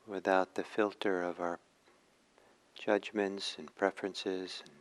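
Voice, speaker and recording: A man leading a guided meditation as a teacher, speaking in short phrases with hushed pauses between them. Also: low voice, little pitch movement, poor audio.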